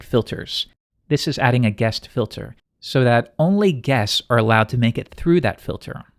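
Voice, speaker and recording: A man walks through code in a screencast lesson, relaxed and conversational. His mid-pitched voice has a gravelly edge and sounds dry, close to the mic. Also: no echo. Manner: relaxed, conversational, thinking aloud while coding. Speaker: programming instructor. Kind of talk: screencast coding tutorial.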